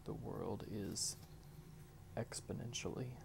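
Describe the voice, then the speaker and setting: A man in his twenties gives a soft, whispered ASMR pep talk in a hushed, deliberate manner with long pauses. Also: lowish voice, vocal fry. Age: 20s. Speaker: ASMR creator reading positive affirmations. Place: small bedroom at home, indoors.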